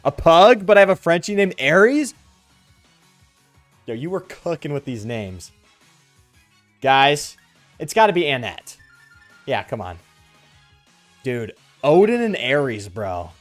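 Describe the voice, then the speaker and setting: A man's voice: a little high, sing-song, slow, long pauses, no room sound. A man talking casually like a frat bro while livestreaming a game, on a close microphone. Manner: frat-bro talk full of bro and dude. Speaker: game streamer. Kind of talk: casual livestream chat over gameplay. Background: music.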